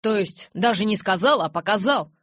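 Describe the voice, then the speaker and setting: A woman voicing a cheerful, cocky young werewolf man who talks loudly and boastfully. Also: mid-range voice, animated, normal speed, dry recording, clean studio sound. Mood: cocky, breezy. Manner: cheeky, boastful, loud.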